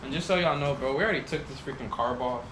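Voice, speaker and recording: A man's voice: medium pitch, quick pace. A man chatting casually in frat-bro slang, joking with swagger as he hosts a DIY repair video. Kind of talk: casual chat while working. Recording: echoey room with loud noise and clatter.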